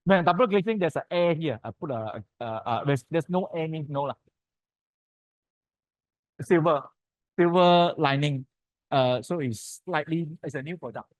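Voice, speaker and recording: A man's voice: a little high, unhurried, long pauses, no room sound, rough recording. A man with a Malaysian accent giving an informal technical lecture in punchy, colloquial phrases full of sentence-final particles. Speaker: lecturer presenting to architects.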